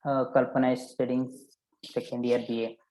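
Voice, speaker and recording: A man's voice: medium pitch, flat delivery, moderate pace, darkish tone. A man leading a live online coaching session, probing participants and repeating their answers back to them. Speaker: workshop coach. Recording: roomy echo.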